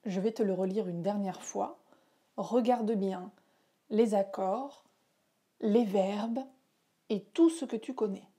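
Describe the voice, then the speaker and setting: Woman teacher, dictating, very slow pace, mellow slightly breathy voice, deliberate short phrases, spoken punctuation. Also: mid-range voice. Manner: deliberate, segmented phrasing with repeats.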